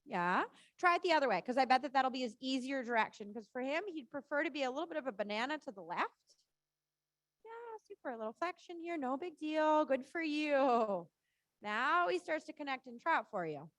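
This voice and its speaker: Female riding coach, high voice, encouraging and informal, short repeated instructions, close dry sound. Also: lively intonation, brisk, fairly bright tone, no echo. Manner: informal, reassuring. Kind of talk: live coaching during a riding lesson.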